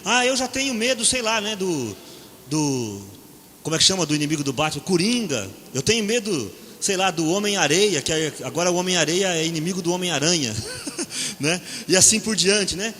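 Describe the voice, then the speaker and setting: A middle-aged preacher with a Brazilian Portuguese accent delivers a humorous storytelling sermon at a deliverance seminar, speaking at normal speed in a high, bright voice. He's animated, joking, acting out quoted voices, and repeatedly asking "né?". The recording is from a church or seminar hall and carries a long, echoey hall reverb.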